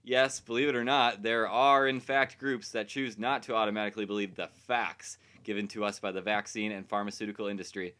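A man playing a parody news anchor, earnest and deadpan, reading a scripted satirical newscast. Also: lowish voice, brisk, hardly any pauses, smooth.

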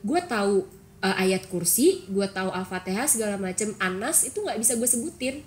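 A young woman co-hosting a podcast, telling stories in an animated, expressive way with casual slang. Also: mid-range voice, fairly quick, slight background noise. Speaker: podcast co-host. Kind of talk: casual storytelling chat.

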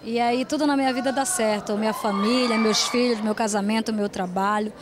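A woman's voice: a little high, fairly even intonation, a little fast, background noise. A woman singer answering interview questions in a chatty way, speaking in long run-on answers.

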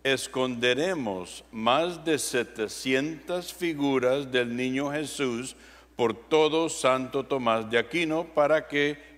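A man's voice: mid-range voice, a bit bright. A man, a deacon, reading parish announcements carefully with small stumbles, filmed from a far camera in a large church. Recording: long church reverb.

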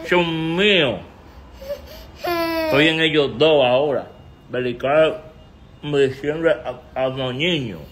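A Dominican man hosting a live stream with his baby son, teasing and laughing, at times breaking into high squeals. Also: a little hiss or hum. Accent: Dominican Spanish. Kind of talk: playful live-stream chat.

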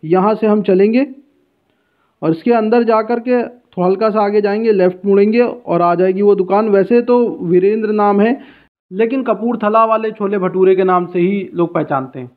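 Guy vlogging food, fairly high voice, tinny phone-line sound. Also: normal speed. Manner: chatty, guiding the viewer along. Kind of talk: casual walking food-vlog narration. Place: outdoor street and busy food shop. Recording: tinny phone-like street recording.

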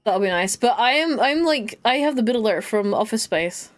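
A chatty woman with a fairly high voice talks to her viewers while she plays, close to her mic. She giggles a lot and keeps the talk loose and casual. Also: animated, moderate pace. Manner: giggly, chatty, often laughing. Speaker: streamer. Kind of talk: casual live-stream chat while gaming.

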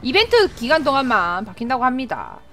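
Over soft background music, a woman with a high voice gives brisk live commentary on the game she's streaming. Every hit and kill draws an excitable yelp or laugh as she narrates her plays.

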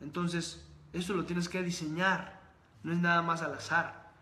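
A man's voice: a little high, level tone, a little slow, pushed and bright. A man hosting a live stream, giving an emphatic motivational talk and answering viewer comments in long repeated lists. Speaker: host of a live stream on sales and reading. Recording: echoey room.

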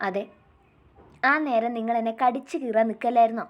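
A woman voicing a feisty young woman who speaks quickly with mock indignation. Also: fairly high pitch, steady tone, highs cut off, close to an everyday voice. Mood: mock-indignant.

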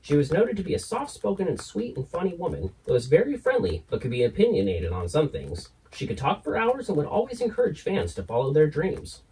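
Animated horror host man, slightly off-mic. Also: on the high side, brisk, few pauses, recorded from a distance, rough recording. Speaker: horror host puppet presenter. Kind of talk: scripted documentary narration.

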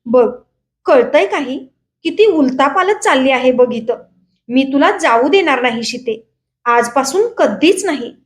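A woman's voice: sits high, expressive, a little slow, roomy sound. A woman reading aloud in the voice of a hot-tempered young village man who hurls defiant accusations. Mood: pleading. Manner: defiant, loud accusing outbursts.

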